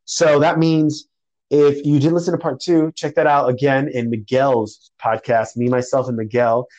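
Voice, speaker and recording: A young man telling a story in a casual podcast chat, animated and slangy, calling people bro and dude. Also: mid-range voice, normal speed, low-quality recording.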